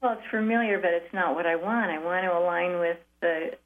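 A woman calling in to a radio show, heard over a phone line, speaking softly and reflectively with a wry edge. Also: fairly low pitch, a little fast. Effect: caller heard over a phone line.

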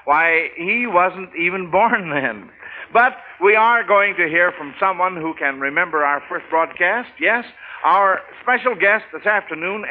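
A man hosting a 1940s radio quiz for children, with a folksy, schoolmasterly way of talking. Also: sits high. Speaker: radio quiz show host. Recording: tinny, noisy 1940s radio broadcast.

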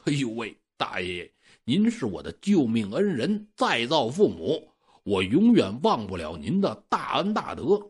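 A man's voice: medium pitch, wildly swooping pitch, a little slow, husky, exaggerated voice. A man voicing a young working man who speaks in a flustered, effusive way. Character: young working man, startled then grateful.

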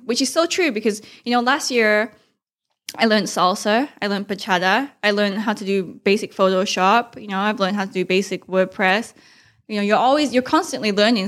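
Candid woman with a mixed Thai-English accent. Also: mid-range voice. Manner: candid, informal, rambling, with frequent slang and mild swearing. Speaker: podcast host. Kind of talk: casual solo podcast chat.

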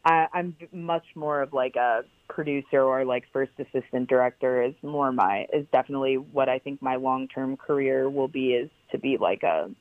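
This podcast guest, a young woman who founded a clothing brand, has a powerful voice pitched extremely low. She talks casually at normal speed with few pauses, leaning on "like" as a filler and stressing her points in a chatty way. The audio has no room sound and comes through a dry, tinny, phone-like line.

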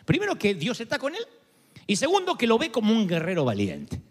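A male preacher delivers a lively sermon with a high voice, and his pitch swings widely as he tells the story. He acts out each quote, and his words ring with a long reverb that fills a large hall. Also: fairly quick. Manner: animated storytelling, acting out quotes.

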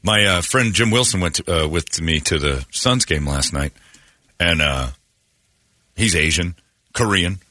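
A man's voice: sits low, expressive, measured pace, pauses often, bright, forceful tone, no room sound. A man hosting a radio talk show, giving blunt, opinionated rants in casual studio chat.

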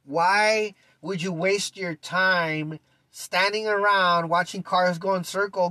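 A man's voice: high-pitched, pushed and bright, no room sound. Male podcast host, ranting style, dry close sound. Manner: ranting, fired up, many "you know"s. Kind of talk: casual monologue.

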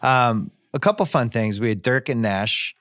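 A man hosting a podcast, telling sports stories in a casual, animated way with wry asides. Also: mid-range voice, normal speed, no echo, studio quality. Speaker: podcast host.

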